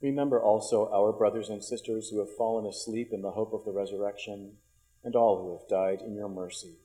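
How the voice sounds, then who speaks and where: Low mellow-voiced priest at prayer. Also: male voice, steady tone, low-quality recording. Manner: measured, reverent, formal delivery. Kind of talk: liturgical prayer, recited solemnly. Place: inside a church.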